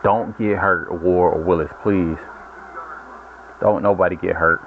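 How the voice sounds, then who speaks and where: Casual gamer host, low-pitched man, rambling self-correcting delivery, tinny narrow-band audio. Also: steady tone, unhurried. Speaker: gaming channel host. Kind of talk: casual gameplay commentary. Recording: lo-fi phone-like audio with noise.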